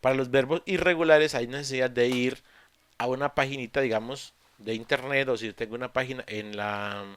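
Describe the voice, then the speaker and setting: A man teaching English in an online class, explaining patiently step by step with pauses and fillers. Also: mid-range voice, fairly even intonation, fairly bright tone, clean tone. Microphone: computer mic on a video call.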